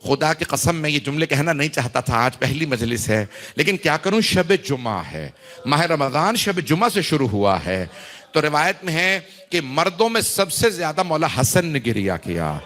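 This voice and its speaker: A man's voice: a little high, very animated, a bit bright. A man, a cleric, delivering an emotional mourning sermon to a gathering, grieving and impassioned, drawing out his phrases as his intensity builds. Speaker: Shia cleric addressing a majlis.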